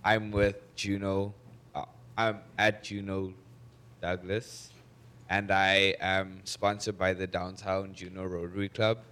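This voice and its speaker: A man from Africa, giving a short, halting self-introduction as an exchange student at a public meeting. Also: low-pitched, flat delivery, pushed and bright, clean tone. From South Africa.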